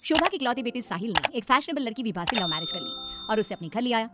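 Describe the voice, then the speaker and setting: Brisk woman storybook narrator. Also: a little high, very animated, over loud music.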